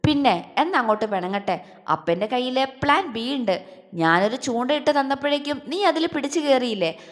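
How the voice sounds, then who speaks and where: A woman's voice: high voice, lively intonation, normal speed. A woman voicing a clever, scheming young woman who talks playfully and bossily. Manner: playful, bossy. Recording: long hall reverb.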